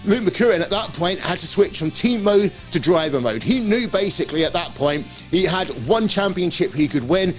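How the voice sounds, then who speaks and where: A man's voice: high voice, lively intonation, moderate pace, hardly any pauses, faint music behind. A man with a British accent presenting after a race, upbeat as he reads out results and sets up interviews. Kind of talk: post-race studio presenting.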